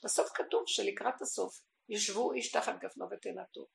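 A woman giving an impassioned religious teaching, swinging from hushed, intimate tones to crying out. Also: mid-range voice, creaky, slight background noise. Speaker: spiritual teacher. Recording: echoey room recording.

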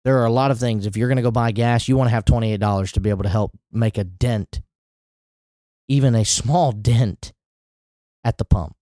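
A man's voice: mid-range voice, moderate pace, mellow, no room sound, clean studio sound. A man preaching a sermon in a conversational way, with rising emphatic asides.

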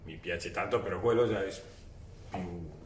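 Deep-voiced and in his forties, this Argentine-accented native Spanish speaker chats casually as an interview guest, pausing to find words and hopping between languages. The audio sounds distant and roomy, with some faint noise.

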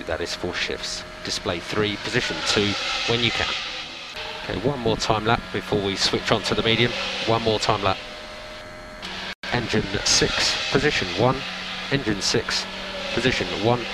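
Race car radio voice: a low-voiced male engineer, calm and clipped, repeating each call, with loud engine noise around him. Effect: race car team radio. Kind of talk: team radio instructions to a driver.

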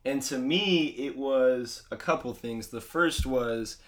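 A man co-hosting a casual pop-culture podcast animatedly retells scenes, rambling with lots of fillers and restarts. His voice is medium-pitched, and he takes it slowly.

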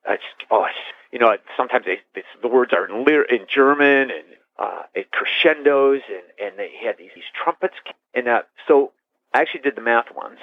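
Gravelly-voiced priest, tinny phone line. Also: male voice, mid-range voice, moderate pace, no echo. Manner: rambling, animated, with restarts and laughs. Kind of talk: interview storytelling.

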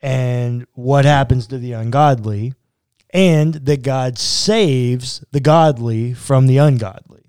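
A man, a pastor, co-hosting a church podcast in relaxed, casual chat. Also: mid-range voice, slow, smooth, no room sound, clean studio sound.

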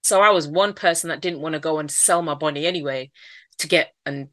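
Speaking a little fast, this woman has a low-pitched, fairly bright voice and no echo around her. She's from Manchester with a Mancunian accent, recounting her personal life story openly in conversation, with frequent repeats and the odd laugh.

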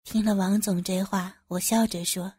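A woman's voice: mid-range voice, steady tone, normal speed, warm tone, husky, dry recording, studio quality. A woman narrating a first-person story with a gossipy, wry, amused tone.

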